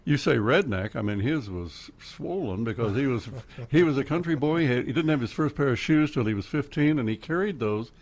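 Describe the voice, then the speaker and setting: An older man with an Oklahoma accent, a guest in a radio studio, tells rambling, chatty stories during casual radio chat, laughing often and jumping between topics. His medium-pitched, darkish voice is expressive, at a moderate pace with few pauses.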